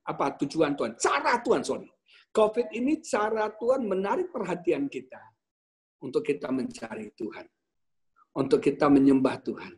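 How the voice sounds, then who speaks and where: A man preaching a sermon as a pastor, telling stories with jokes and asides and often speaking straight to the women in his audience. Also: on the high side. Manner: lively storytelling with jokes and asides; often addresses the women listeners directly.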